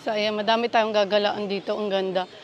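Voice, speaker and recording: A woman narrating a casual travel vlog while walking through an indoor theme park, exclaiming excitedly to her viewers as she films on a handheld phone. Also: mid-range voice, fairly quick, highs cut off. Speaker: vlogger.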